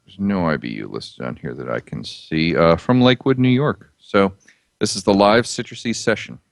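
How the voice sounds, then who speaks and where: A man's voice: sits low, normal speed, vocal fry, dry recording, clean studio sound. A man in his thirties co-hosting a casual podcast, rambling in an easygoing way and making self-deprecating jokes. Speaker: podcast co-host reviewing beer. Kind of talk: casual chat.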